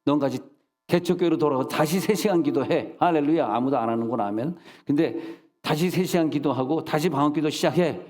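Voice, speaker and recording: Man preaching with a dark, mellow voice. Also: a little high, a little fast. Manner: animated, scolding storytelling with mock insults. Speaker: senior pastor. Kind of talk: sermon. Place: church sanctuary. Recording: long reverb of a church hall.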